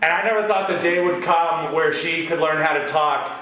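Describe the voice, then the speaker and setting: Before a small audience in an acting studio, a male stand-up comic performs a set of crude, profane storytelling. His sharp, slightly high voice moves at a moderate pace, captured noisily by a distant camera in an echoey room.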